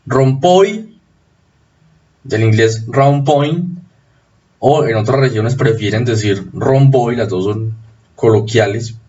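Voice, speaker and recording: A man teaching spelling rules in a deliberate, methodical way. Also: lowish voice, steady tone, darkish tone. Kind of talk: explanatory lesson. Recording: distant, dull lo-fi mic.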